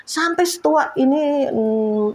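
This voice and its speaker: A woman's voice: sits high, slow pace, a little mellow. A woman in her fifties, an evangelist preacher, giving a chatty sermon testimony and often laughing as she talks to the congregation.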